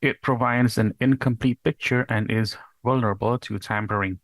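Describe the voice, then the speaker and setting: Presenting at a conference as a PhD researcher, a young man from Indonesia explains in a measured way, occasionally using a rhetorical question. His mid-range voice has fairly even intonation, and the recorded sound is dry.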